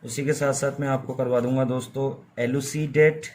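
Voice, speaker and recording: A young man teaches English words in a chatty, informal lesson. He drills each meaning over and over, poses questions to his students and answers them himself. His voice sits at an ordinary middle pitch. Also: flat delivery, moderate pace, darkish tone. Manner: repetitive, asks questions and answers them himself, playful mnemonics. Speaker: vocabulary teacher. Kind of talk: informal Hindi-medium lesson.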